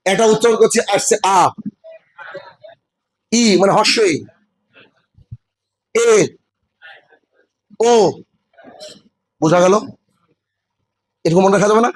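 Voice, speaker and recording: A man's voice: high-pitched, slow pace, pauses often, low-quality recording. A man teaching English in a classroom lecture, explaining step by step and checking that students follow. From West Bengal. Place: classroom with a board.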